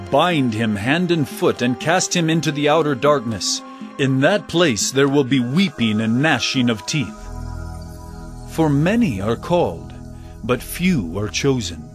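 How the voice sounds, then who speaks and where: An actor playing Jesus as an authoritative teacher in a dramatized scripture production, speaking emphatically. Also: male voice, medium pitch. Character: Jesus, an authoritative male teacher telling parables.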